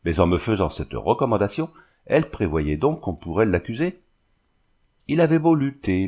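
Low-voiced man reading a novel aloud. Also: a little mellow. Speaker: audiobook reader. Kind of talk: scripted narration of a novel.

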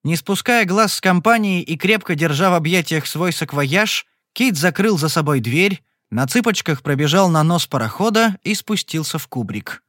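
A man narrating an audiobook in an even, measured reading. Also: on the high side, no room sound. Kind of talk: scripted narration. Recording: dry close studio recording.

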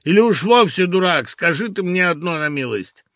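A man's voice: sits high, animated, normal speed, fairly bright tone, no echo, studio quality, pitched above the performer's own voice. A man doing a stern pompous father.

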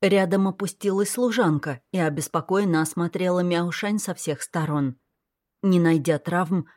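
A woman reads a story aloud in an even, measured way. Her voice sits on the lower side. The recording is close and dry, with no room sound. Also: dry recording. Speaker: audiobook narrator. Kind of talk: scripted narration.

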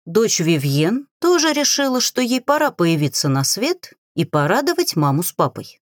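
Expressive female audiobook narrator. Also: mid-range voice, normal speed, no room sound, studio quality. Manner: expressive, playful storytelling.

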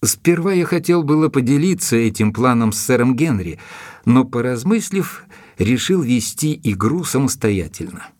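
An actor playing Doctor Watson, a sensible, determined gentleman who tells of his investigation in a measured, deliberate audio drama style. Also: mid-range voice, very animated, no room sound, clean studio sound, close to an everyday voice. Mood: intrigued, resolute. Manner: measured, deliberate storytelling with rhetorical questions. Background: music behind the voice.

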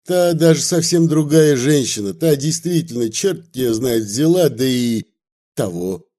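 A man's voice: mid-range voice, expressive, unhurried, mellow, natural voice. A man reading aloud and voicing a sly, fawning village miller who blusters and pleads.

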